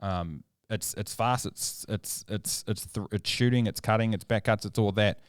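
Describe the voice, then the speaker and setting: Podcast co-host, male, low smooth voice, argues his case emphatically; dry close mic. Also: moderate pace, dry recording. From New Zealand. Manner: opinionated, emphatic, argues points with rising energy. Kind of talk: casual sports chat.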